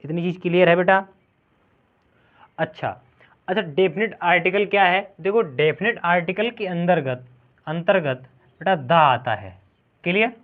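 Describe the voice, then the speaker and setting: A man teaching a grammar lesson, explaining slowly, drawing out the example words and often checking whether the class follows. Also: sits high. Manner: explains slowly, keeps asking "clear?". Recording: tinny phone-like sound.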